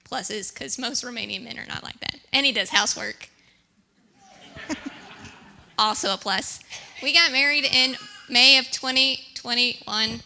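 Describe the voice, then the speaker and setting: An American woman missionary tells a story to a church in a casual, chatty presentation, speaking from the church sanctuary. Her fairly high voice is gravelly and bright with a forceful tone, and there's a little hiss or hum.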